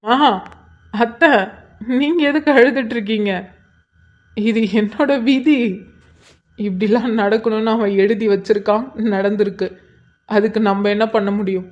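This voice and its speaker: A woman's voice: mid-range voice, steady tone, measured pace, long pauses, dull audio, lightly acted. A woman voicing a grieving, hurt young husband in an emotional cartoon drama. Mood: urging. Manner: emotional, tearful. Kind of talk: cartoon voice acting.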